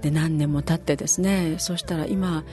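A woman hosting a casual conversation, chatty and full of fillers, her pitch leaping when she gets animated. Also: normal speed. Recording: faint music behind.

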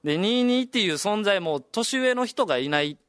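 A young Okinawan man with a high, bouncy voice that swings all over its range, talking as a comedian and radio host. He tells his stories in a casual, chatty way, animated and laughing along. The sound is close and dry. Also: normal speed, clear, resonant tone, no echo. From Okinawa, Japan. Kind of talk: casual storytelling chat.

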